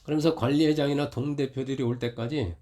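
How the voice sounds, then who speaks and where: A man's voice: mid-range voice, steady tone, quick pace. Middle-aged man preaching in story mode. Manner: storytelling, rising loud when retelling conflict. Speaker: pastor. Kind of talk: conversational sermon.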